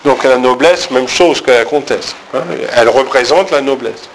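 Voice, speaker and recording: A man's voice: medium pitch, moderate pace, a little hiss or hum, low-quality recording. A man teaching a diction lesson in French, explaining where to place stress and acting out lines with strong emphasis to show it. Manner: demonstrates stress by reading lines with heavy emphasis. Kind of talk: diction and text-reading lesson.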